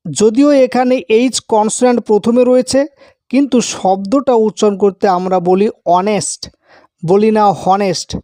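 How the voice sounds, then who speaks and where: Teacher going slow over a grammar rule, says everything twice, warm low-key voice, dead dry recording. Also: dry recording. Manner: slow, careful, repeating each rule. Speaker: English teacher. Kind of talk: explanatory grammar lesson.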